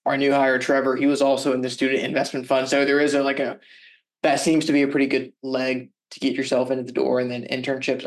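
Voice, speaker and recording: A man's voice: mid-range voice, vocal fry. A young man with a boyish-sounding voice, hosting a podcast in a casual, chatty interview style. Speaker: podcast host.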